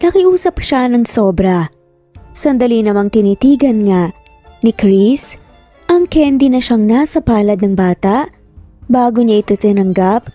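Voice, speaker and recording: A woman narrating a dramatic story in a slow, deliberate manner. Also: a little high, warm tone, dry recording. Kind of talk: scripted narration.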